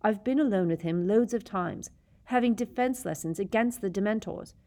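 A woman's voice: mid-range voice, normal speed, warm tone, pitched above the performer's own voice, lightly acted. A woman reading aloud and voicing a brave, defiant teenage boy in a storybook. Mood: earnest. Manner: earnest, pleading, raised.

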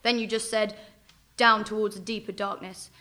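A woman's voice: mid-range voice, steady tone, moderate pace, sharp tone, lightly acted. An actress playing a wry, teasing female action heroine in a comedy audio drama. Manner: teasing, sardonic.

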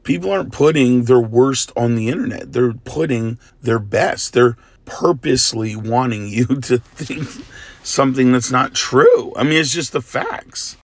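A man's voice: mid-range voice, unhurried, no room sound. A male preacher with an exhausted, worn voice giving a casual, conversational and earnest devotional talk. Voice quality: tired, worn voice from much preaching. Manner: conversational, earnest, often asking "right?" and "you know". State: exhausted-sounding, tired voice.

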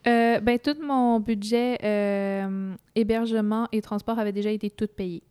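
A woman with a Québécois French accent, chatting casually as a guest and telling her stories in a lively way, often acting out her own thoughts aloud. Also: mid-range voice, unhurried, clean tone. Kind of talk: casual conversational storytelling.

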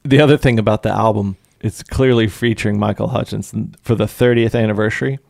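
A man's voice: on the low side, fairly even intonation, a little fast, vocal fry, darkish tone, dry recording, studio quality. A man co-hosting a casual music podcast, joking and laughing often as he talks. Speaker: podcast co-host.

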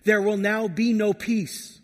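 A man's voice: high-pitched, flat delivery, slow pace. A man voicing God as a stern, accusing judge, declaiming his verdict. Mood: condemning. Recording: long hall reverb.

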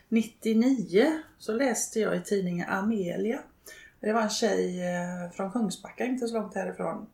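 An older woman, speaking in a reflective interview and pausing often to search for words. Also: medium pitch, a little mellow. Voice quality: creaky. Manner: hesitant, halting, many pauses and fillers. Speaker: interviewee, widow and network co-founder. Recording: roomy, echoey room.

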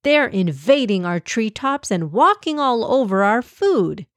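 A hot-tempered young male giraffe reacts with indignation, as a woman storyteller puts him on. He speaks slowly, and the sound is close and dry. It is a children's audio story. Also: a little high, big pitch swings, fairly bright tone, dry recording. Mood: frustrated.

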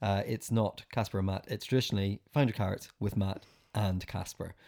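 A man's voice: on the low side, steady tone, a little fast, vocal fry, a little mellow. A man co-hosting a family podcast, cheerfully reading out listener messages and jokes. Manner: upbeat, reads out listener messages. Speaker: podcast co-host.

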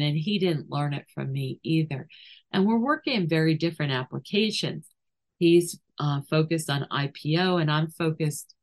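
Slow, low-voiced woman dog trainer. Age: middle-aged. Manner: animated, acts out scenes with sudden high voices. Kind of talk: podcast monologue.

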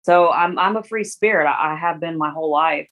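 A woman's voice: low voice, fairly quick, a bit bright. A woman in her forties, a guest in a casual interview, talking in a rambling way with many restarts and fillers. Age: 40s.

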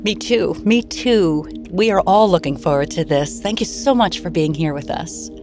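A woman with a distinctly low voice hosts a programme, reading prepared introductions and greeting guests. Clear music plays behind her. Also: lively intonation, moderate pace. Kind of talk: scripted introduction and friendly welcome. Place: online video call.

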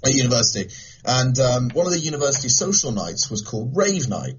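A man's voice: mid-range voice, fast talker, husky, lo-fi sound. A young English man telling stories in a casual podcast chat, laughing often. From England. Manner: animated, laughing storyteller. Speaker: podcast guest, gaming video creator.

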